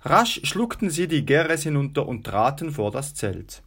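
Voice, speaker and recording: Steady male audiobook narrator. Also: a little high, measured pace, creaky, slightly rough.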